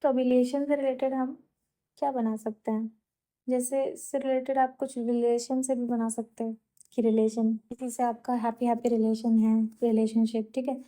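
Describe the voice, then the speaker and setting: Patient Hindi-English tutor woman, bright voice. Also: on the high side, little pitch movement, moderate pace. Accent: Uttar Pradesh–Bihar Hindi. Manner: explains patiently, checks in with "theek hai?". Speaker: exam vocabulary teacher.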